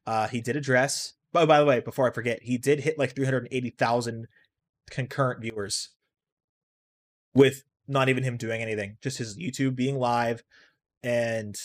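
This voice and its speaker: A man hosts a casual solo podcast at an ordinary middle pitch, talking in a loose, rambling flow with frequent fillers. He reacts out loud to a video game he is playing as he speaks and swears now and then. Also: fairly even intonation, normal speed. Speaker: podcast host.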